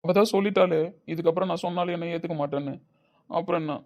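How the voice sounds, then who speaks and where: A man's voice: on the high side, steady tone, rapid-fire, a little mellow, lightly acted. A man voicing a young husband who speaks emotionally and pleadingly about his wife. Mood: despairing. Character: young husband, guilt-ridden and lovesick.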